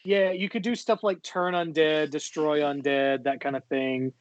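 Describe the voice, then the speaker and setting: A man explaining game rules in a relaxed way. His voice is a touch high and recorded dry and close. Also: moderate pace, smooth, no echo. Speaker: tabletop player. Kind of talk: casual explaining.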